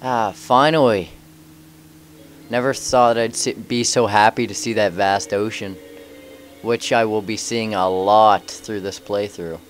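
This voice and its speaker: A man's voice: fairly low pitch, fairly even intonation, measured pace, soft background music. A man giving casual let's play commentary, cracking jokes and talking back at the game characters. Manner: joking, wisecracks at game characters.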